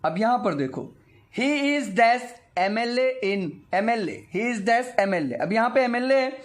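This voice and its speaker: A young male teacher patiently explaining a grammar lesson, repeating words aloud to model their sounds and mixing English phrases into his explanation. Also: high voice.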